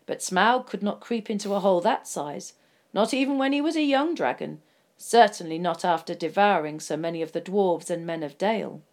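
A woman voicing a stern, commanding old male wizard in a storybook reading, speaking forcefully and with emphasis. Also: lowish voice, expressive, moderate pace.

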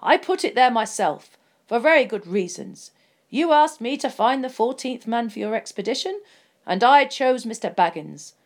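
A woman voicing a stern, commanding old male wizard in a storybook reading, speaking forcefully and with emphasis. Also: fairly high pitch, expressive, normal speed.

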